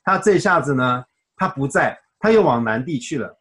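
A man's voice: medium pitch, animated, normal speed, fairly bright tone. A man teaching a casual Bible study, chatty, explaining with everyday examples and acting out quoted dialogue.

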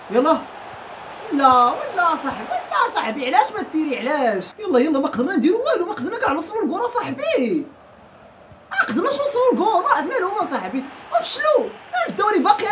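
A woman with a Moroccan Arabic accent giving live gameplay commentary. She is excitable, laughs often and shouts at the game. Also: mid-range voice, slight background noise. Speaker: gaming YouTuber.

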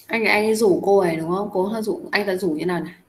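A woman's voice: mid-range voice, fast, low-quality recording. A young adult woman teaching an English class. She explains each phrase step by step. She keeps coaxing her students with repeated questions.

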